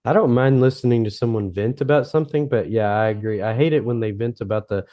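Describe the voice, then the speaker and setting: A man's voice: mid-range voice, quick pace, no room sound. A man chatting on a podcast, telling easygoing stories with fillers and frequent laughs. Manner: easygoing storyteller, laughs often, many fillers. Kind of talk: casual chat. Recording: dull, muffled sound.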